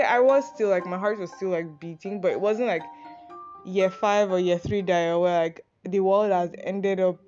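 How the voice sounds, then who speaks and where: With a lowish, somewhat dark voice, this young Nigerian woman rambles on her podcast through a list of tips. Her accent is Nigerian, and the monologue is casual, self-mocking, and full of fillers and swearing, over music on dull lo-fi audio.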